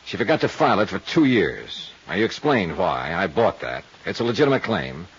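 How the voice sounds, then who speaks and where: A low-voiced man, very animated and a little fast with a breathy edge, plays a hard-boiled, unflappable private investigator in a 1950s radio detective drama. As lead actor and narrator, he's heavily acted, clipped, dry and matter-of-fact, brisk and insistent, with the recording's highs cut off.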